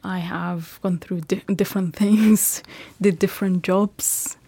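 Somali-born woman in her 30s telling her story in an interview, lowish voice, thoughtful. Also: steady tone, takes it slowly, dark tone, husky.

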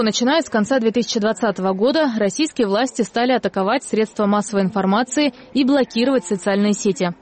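A woman narrating a news report in an even, measured, scripted read. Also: mid-range voice.

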